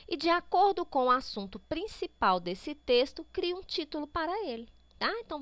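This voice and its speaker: A woman's voice: on the high side, no room sound. A woman teaching young pupils with a Brazilian Portuguese accent, patiently walking through a workbook, drawing out words to sound out syllables and often checking in with the children. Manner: constant tag checks to pupils. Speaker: primary school teacher. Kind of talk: remote class walkthrough of a workbook.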